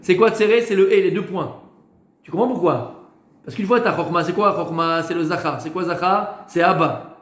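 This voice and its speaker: A rabbi teaching a Torah class to students, posing questions and answering them himself, with hesitant fillers and repeated words. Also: male voice, high voice, normal speed, a bit bright, roomy sound.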